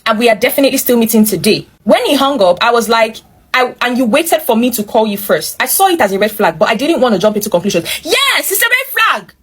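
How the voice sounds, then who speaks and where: A fast-talking woman with a Nigerian accent, her high-leaning voice swinging widely in pitch and carrying a breathy edge. She's the host, narrating a viewer's story animatedly and reacting as she goes. Her emphatic, opinionated asides are aimed right at the listeners.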